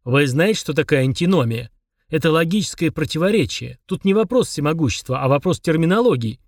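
A man reading an audiobook and voicing a tiny, haughty male demon who speaks slowly and scornfully. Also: fairly high pitch, lively intonation, no echo, clean studio sound. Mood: condescending. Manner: disdainful, slow and clipped.

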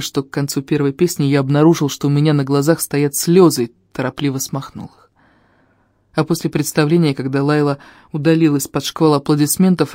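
An audiobook narrator reading a first-person fantasy story with expressive, emotional delivery on a close microphone. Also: mid-range voice, no echo.

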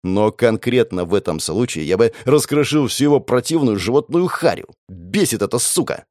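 A man's voice: medium pitch, lively intonation, moderate pace, darkish tone, dry recording, studio quality. A man narrating an audiobook in the first person, with sardonic, crude asides.

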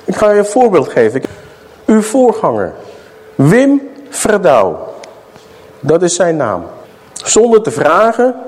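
A middle-aged man preaching a sermon in a church hall, asking his listeners questions and stressing words slowly. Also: sits high, a little mellow. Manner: questions the audience, dramatic slow emphasis.

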